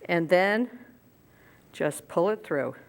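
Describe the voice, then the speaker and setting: A woman's voice: lowish voice, expressive, slow pace, gravelly. Older woman, TV craft host, easygoing step-by-step demo delivery. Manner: friendly step-by-step explaining, talking while working. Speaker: quilting show host. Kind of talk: hands-on sewing demonstration.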